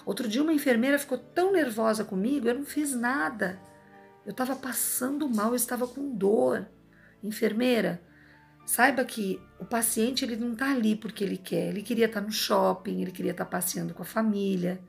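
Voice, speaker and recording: A woman's voice: a little high, moderate pace, creaky, soft background music. A Brazilian woman with a Brazilian Portuguese accent, speaking earnestly from a hospital and lecturing the audience with many rhetorical asides. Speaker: advice vlogger. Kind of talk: emphatic personal monologue.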